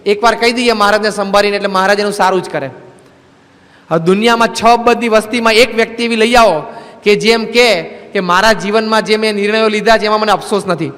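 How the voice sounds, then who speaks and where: A man's voice: high voice, fairly bright tone, big-room sound. A man giving a religious discourse in a humorous, conversational way, drawing on everyday examples. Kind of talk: sermon.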